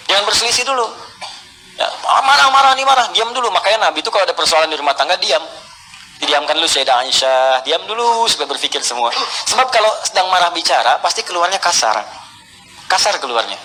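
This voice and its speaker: Lively bright-voiced preacher man. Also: a little high, slight background noise, poor audio. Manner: lively, plays out little scenes, chuckles. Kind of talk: sermon Q&A answer.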